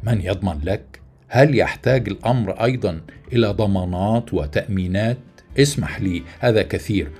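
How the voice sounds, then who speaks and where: A man's voice: lowish voice, fairly quick, darkish tone, breathy edge, faint music behind. A man voicing a cool, mocking young woman. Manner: cool, dismissive.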